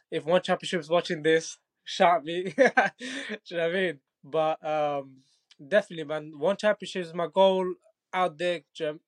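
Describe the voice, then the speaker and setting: A Bangladeshi Muay Thai fighter in his twenties, appearing as a guest, chats in a laid-back, confident way during a casual interview. He has a somewhat higher voice than most men, laughs easily, and repeatedly asks his listener "do you know what I mean."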